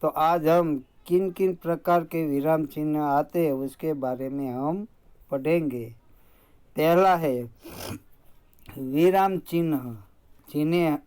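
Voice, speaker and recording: Slow, deliberate teacher explaining grammar. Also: mid-range voice, a little mellow, clear, resonant tone. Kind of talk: slow classroom grammar lesson.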